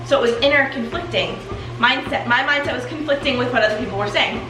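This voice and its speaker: Higher-voiced woman chatting while walking, echoey room. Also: fast talker. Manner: talking while walking in place for exercise. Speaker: weight loss coach and host. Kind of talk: motivational chat to followers. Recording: echoey room with music underneath. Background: music.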